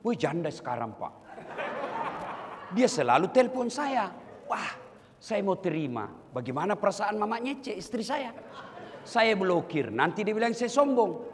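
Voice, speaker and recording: Animated male preacher with a lilt. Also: a little slow, pauses often. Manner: animated storytelling, jumping to loud high exclamations. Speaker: Islamic preacher. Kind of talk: humorous sermon to a live audience. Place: large hall with an audience. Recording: reverberant hall, faint background noise.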